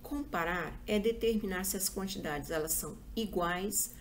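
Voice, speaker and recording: A woman's voice: lowish voice, slight background noise. A woman teacher with a Brazilian Portuguese accent giving a patient school review lesson, listing examples one by one. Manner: slow, patient, spells out examples.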